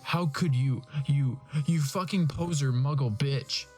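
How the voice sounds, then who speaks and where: A moody teenage goth vampire boy, as a woman plays him, with a lowered pitch. He is sullen and sensitive, a dramatic story reading figure. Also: unhurried, darkish tone, soft background music. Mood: hurt, angry.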